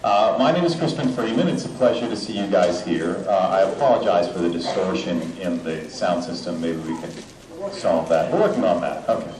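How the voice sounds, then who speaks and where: A man's voice: deep voice, a little fast. Man on a convention panel, fuzz distortion from clipping speakers, echoey hall, heard from far off, crowd noise, chatty and joking. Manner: joking, chatty, many filler sounds. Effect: fuzz distortion from a clipping speaker system. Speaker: voice actor answering fan questions. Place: large convention hall with an audience. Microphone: handheld mic into the house speaker system.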